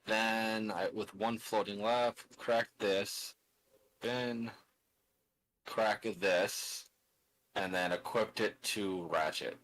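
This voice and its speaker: A man who plays card games and streams talks casually through each step of a tabletop card game, often muttering or counting aloud as he works out his turn. His voice is on the low side and fairly bright in tone, with fairly even intonation and a very slow pace. The audio quality is poor.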